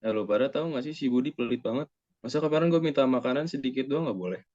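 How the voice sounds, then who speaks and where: A man's voice: medium pitch, animated, fast, darkish tone, no echo, lightly acted. A young man playing a brash, stubborn student who complains in slang. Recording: dry, slightly muffled.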